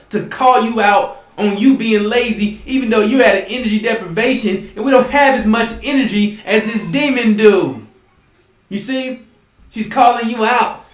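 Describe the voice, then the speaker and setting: A man preaching emphatically to his listeners, often asking "you see?" and sometimes rising to a shout. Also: very high-pitched, echoey room. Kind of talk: impassioned preaching monologue.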